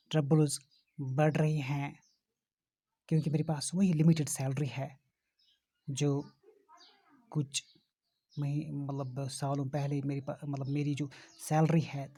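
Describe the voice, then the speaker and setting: A man's voice: on the high side, warm tone, breathy edge. A man teacher, explaining a textbook story to pupils and restating each phrase with synonyms. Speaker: school English teacher.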